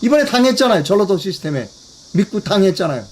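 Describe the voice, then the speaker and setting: Emphatic high-voiced older man commentator. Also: sing-song, fast talker, darkish tone. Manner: emphatic, repetitive, rhetorical questions to viewers. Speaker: political commentator. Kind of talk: political news briefing monologue.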